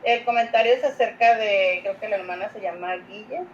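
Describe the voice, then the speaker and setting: A woman's voice: medium pitch, fairly quick. A woman, a church lector, asking a long question in a class and rambling earnestly with fillers. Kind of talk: casual question in an online class. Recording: dull lo-fi call audio with faint noise.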